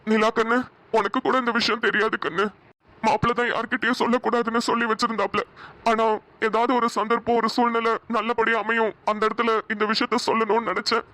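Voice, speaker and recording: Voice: medium pitch, little pitch movement, fast, sharp tone, no room sound, lightly acted. A performer voicing a humble, grateful older father who speaks with earnest pleading in a cartoon. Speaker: bride's father. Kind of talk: cartoon voice acting.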